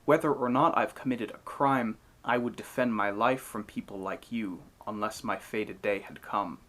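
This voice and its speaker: A man's voice: fairly low pitch, normal speed, a bit bright, close to an everyday voice. A man voicing an insolent old ferryman in a myth retelling, mocking and provoking. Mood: defiant.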